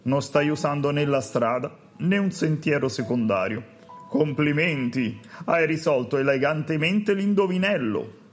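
A man voicing a courteous, gallant judge in a children's audiobook, speaking in a measured way. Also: on the high side, faint music behind, natural voice. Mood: admiring. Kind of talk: audiobook character voice.

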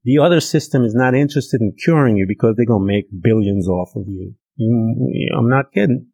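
Male preacher, husky and dark, emphatic conversational sermon, dry close sound. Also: medium pitch, a little fast, no room sound, poor audio.

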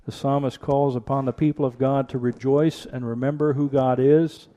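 A pastor preaching an earnest sermon into a pulpit microphone in a church, repeating rhetorical questions for emphasis. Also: male voice, mid-range voice, flat delivery, normal speed, mellow. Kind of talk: sermon with prayer and scripture reading.

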